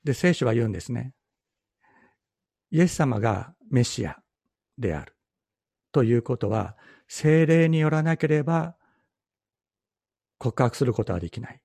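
A middle-aged man, a pastor, giving a Bible teaching sermon in a measured, explanatory way, repeating key phrases for emphasis. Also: mid-range voice, animated, gravelly, mellow, breathy edge, no echo.

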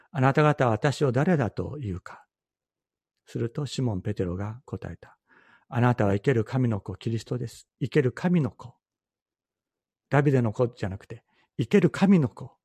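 A middle-aged man, a pastor, giving a Bible teaching sermon in a measured, explanatory way, repeating key phrases for emphasis. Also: mid-range voice, darkish tone, breathy edge, no room sound.

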